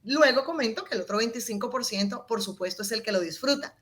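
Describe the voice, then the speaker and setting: Fairly high-pitched and talking fast, this interview guest describes her public speaking technique, with a little hiss or hum audible. She's expressive, varying tone and volume to show her points.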